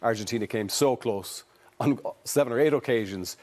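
A man's voice: mid-range voice, normal speed, a little mellow. A middle-aged man hosting a football analysis show, steering the talk and passing questions to his guests, on a lapel mic in a TV studio. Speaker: sports presenter. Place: large TV studio set.

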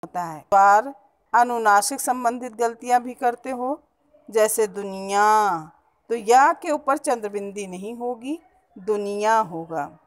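A woman teacher with a fairly high voice and a Hindi accent from around Allahabad gives schoolchildren a Hindi grammar lesson on pronunciation. She explains step by step, repeating words slowly to correct them.

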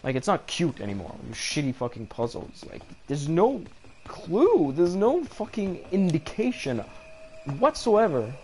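A man's voice: a little high, huge pitch swings, a little slow, darkish tone. A young man commenting on his own gameplay, frustrated, rambling and swearing as he goes. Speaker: gamer. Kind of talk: let's play commentary. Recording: audible background noise.

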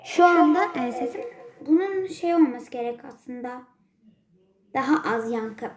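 A woman's voice: high-pitched, lively intonation, measured pace. A woman in a casual unboxing vlog speaks through a karaoke microphone with a heavy echo effect, chatting straight to her viewers. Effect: heavy echo from a karaoke mic. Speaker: vlogger. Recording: echoey mic effect.

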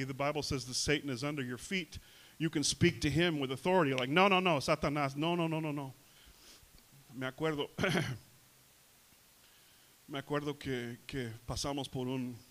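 A man's voice: mid-range voice, fairly even intonation, normal speed, fairly bright tone. A man pastor preaching a bilingual sermon in church, saying each point in Spanish and then again in English, acting out the quotes.

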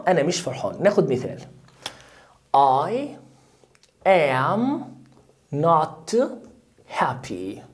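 A woman with an Egyptian accent teaches basic English grammar to young learners. Her voice sits low yet swoops up and down with animated emphasis. She plays both sides, firing questions and answering them herself. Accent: Egyptian Arabic. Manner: playful, asks and answers her own questions. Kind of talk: grammar lesson for children.

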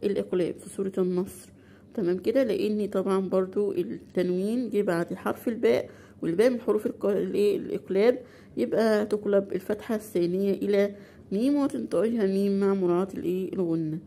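A woman with an Egyptian accent teaching a beginner Quran recitation lesson, asking questions and answering them herself, and drawing out example words slowly. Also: mid-range voice, creaky, mellow. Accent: Egyptian Arabic.

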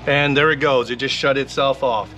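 A man vlogging a casual product demonstration, talking in a relaxed, rambling way with frequent fillers. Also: medium pitch, moderate pace, background noise. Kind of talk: casual product demo vlog.

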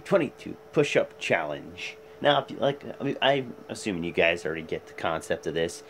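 Casual male vlogger with swinging pitch. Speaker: vlog host. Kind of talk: casual chat to camera. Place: small bedroom at home. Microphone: phone at arm's length. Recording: noisy phone recording in a room.

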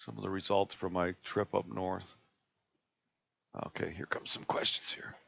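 Gravelly man demoing software on a call. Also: sits low. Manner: relaxed, halting, many fillers and restarts. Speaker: astronomy club presenter. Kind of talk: live screen-share tutorial. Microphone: computer mic on a video call. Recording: dull lo-fi video call audio.

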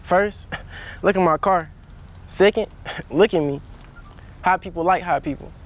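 A man's voice: high-pitched, a little slow. A man playing a cocky, boastful boyfriend who brags about himself. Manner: boastful, laughing. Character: cocky boyfriend bragging about his car.

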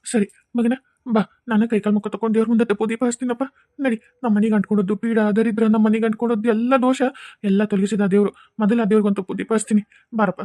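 A woman voicing an angry, protective father who scolds fast and heatedly, with a North Karnataka accent. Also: a little high, flat delivery, dark tone, no room sound, studio quality, voice pushed down, close to an everyday voice. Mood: tender. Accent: North Karnataka Kannada.

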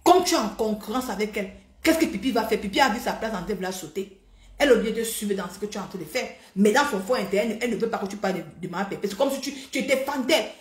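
A woman hosting a live stream, talking in an animated, mocking, repetitive way. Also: medium pitch, fast talker, roomy sound. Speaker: livestream host. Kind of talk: heated live-stream rant.

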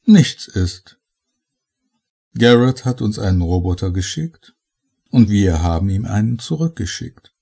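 A man voicing a sly, scheming host in a horror audiobook, his voice raised and excited. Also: fairly low pitch, unhurried, creaky, long pauses, husky, heavily acted. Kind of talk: audiobook character voice.

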